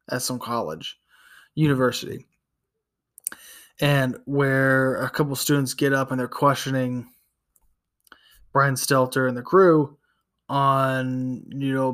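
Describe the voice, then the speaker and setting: Halting man hosting casually. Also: medium pitch, a bit bright. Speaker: podcast host. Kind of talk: casual talk, introducing clips.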